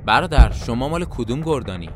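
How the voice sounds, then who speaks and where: An actor playing a calm, humble division commander who speaks politely. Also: male voice, medium pitch, music in the background, close to an everyday voice. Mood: mild. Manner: calm, polite, then apologetic.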